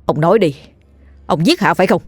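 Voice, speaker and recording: A woman's voice: lowish voice, normal speed, a little mellow, no room sound, natural voice. A woman voicing a frightened, desperate village man who begs and then turns stern.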